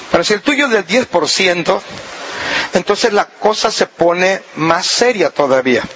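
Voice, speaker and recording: A man's voice: high-pitched, a bit bright, dull audio, a little hiss or hum. A man preaching a sermon in a folksy, humorous way, acting out little scenes as he teaches.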